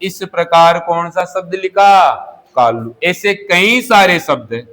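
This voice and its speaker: Man, Hindi teacher, classroom lesson, slow pace, repeats questions and answers. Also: sits high, fairly bright tone. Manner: asks questions and answers them himself, repeating key words. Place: coaching classroom.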